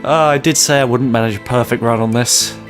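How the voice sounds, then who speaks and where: A man's voice: medium pitch, fairly even intonation, a little fast. A man casually commenting on his own gameplay with self-deprecating asides. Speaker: game player. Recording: faint game music behind.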